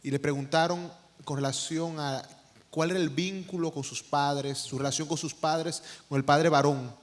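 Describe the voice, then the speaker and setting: A man's voice: a little high, steady tone, normal speed. A man moderating a panel discussion, posing questions to the panelists. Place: large conference hall. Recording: reverberant hall.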